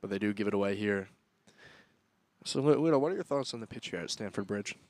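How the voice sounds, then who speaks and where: A young man doing play-by-play commentary on a school soccer match, jumping up loudly when attacks build. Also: fairly low pitch, quick pace, no echo. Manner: excitable, rising loudly on attacks. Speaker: student sports commentator.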